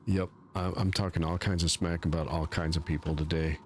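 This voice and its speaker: A man's voice: low-pitched, little pitch movement, fairly quick, a little hiss or hum. A man streaming a game live, rambling in a self-mocking way and chatting with his viewers. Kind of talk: casual live-stream commentary.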